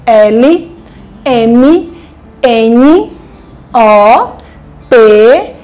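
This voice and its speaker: Slow sing-song woman teaching children. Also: a little high, lively intonation, warm tone, faint music behind. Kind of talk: children's lesson.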